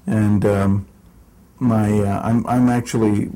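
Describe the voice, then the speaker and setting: A lowish, warm voice with little pitch movement comes from a man in his sixties who grew up in Southern California. Speaking slowly, he shares his life story in an oral history interview, rambling and restarting often, with many fillers and a dry, self-mocking wit.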